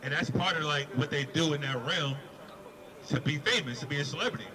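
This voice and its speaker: A man's voice: fairly high pitch, a little fast, background noise. A man preaching on a city street, questioning a passerby in an emphatic debate and repeating words as he drives his point home. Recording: busy street crowd behind.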